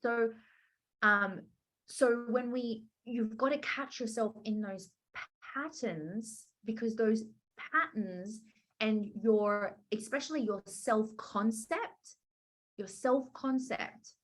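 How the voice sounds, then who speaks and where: A woman's voice: on the high side, slow pace. A woman coaching a group call in a casual, chatty way, acting out quotes and often asking "right?". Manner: animated, chatty, acts out quotes, many "like" and "right?". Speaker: business and money mindset coach.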